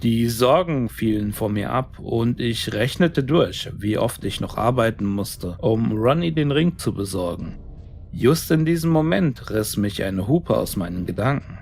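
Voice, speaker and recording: Slow, gravelly male storyteller. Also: mid-range voice, expressive, darkish tone. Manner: deliberate, suspenseful, dramatic delivery. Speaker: storyteller, narrator. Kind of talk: scripted first-person horror story narration.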